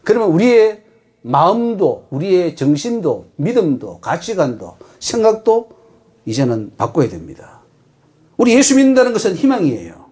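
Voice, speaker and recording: Animated high-voiced Gyeongsang pastor preaching. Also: male voice, moderate pace, breathy edge. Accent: Gyeongsang Korean. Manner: emphatic, asks the congregation rhetorical questions. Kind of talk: sermon.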